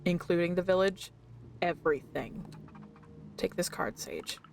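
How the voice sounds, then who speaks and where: A woman's voice: on the low side, expressive, measured pace, creaky, far from the mic, background noise. A woman reading the lines of a weary adult female witch engineer in a subdued, solemn way. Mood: grave.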